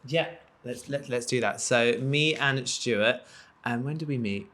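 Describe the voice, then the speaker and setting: A man's voice: medium pitch, a little slow. A man in his thirties from Wales, a podcast guest talking in an affectionate, sentimental way. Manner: affectionate, sentimental, warm-hearted. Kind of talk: casual chat.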